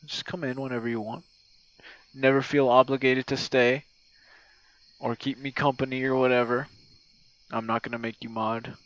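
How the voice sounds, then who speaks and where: In a flat, medium-pitched voice at normal speed, broken by long pauses and fairly bright in tone, a young streamer and audio roleplay creator leaves a rambling, easygoing message for a gamer friend, swearing often and knocking himself. The recording is dry and rough, with crickets and nighttime noise behind.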